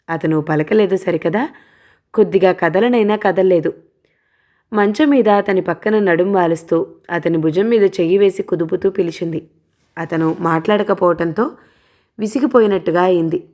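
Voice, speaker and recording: A woman reading a romantic audio novel aloud, steady and expressive. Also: lowish voice. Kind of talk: scripted narration.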